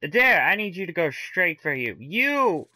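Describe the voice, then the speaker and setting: A man's voice: sits high, sing-song, moderate pace, pushed and bright, dry recording. A man doing casual let's play commentary, thinking aloud, reactive and sweary, talking to the game's characters.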